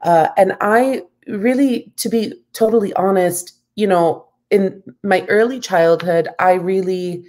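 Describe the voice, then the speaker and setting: A woman's voice: on the low side, darkish tone. A woman from the United States in her thirties, a professor answering interview questions in a thoughtful, candid way with many "you know"s. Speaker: guest, professor.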